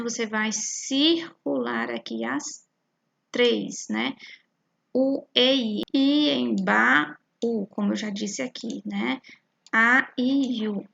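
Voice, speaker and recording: Brazilian woman, primary teacher, patient and syllable-by-syllable, fry in the voice, dull lo-fi audio. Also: fairly high pitch, fairly bright tone. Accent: Brazilian Portuguese. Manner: patient, spells out syllables slowly, frequent "né?" and "tá?". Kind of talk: recorded class explaining worksheet activities.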